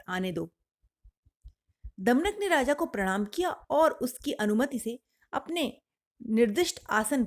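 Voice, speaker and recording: A woman's voice: a little high, a little mellow. Woman telling a children's fable. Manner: clear, measured storytelling. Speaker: storyteller. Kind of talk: scripted narration of a children's fable.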